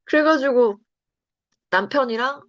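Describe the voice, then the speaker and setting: A woman's voice: high voice, a little slow, fairly bright tone, dry recording. A pastor's wife telling her personal faith testimony in conversation, telling the story expressively and acting out the lines of the people in it. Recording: dull dry lo-fi sound.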